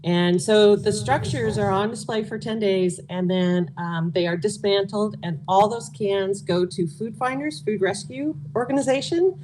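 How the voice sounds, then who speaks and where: A woman's voice: mid-range voice, unhurried, hardly any pauses, noisy background. A woman answering interview questions as a local event organizer, speaking in a casual, candid way. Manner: informal, candid. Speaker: interview guest, local food and beverage nonprofit organizer.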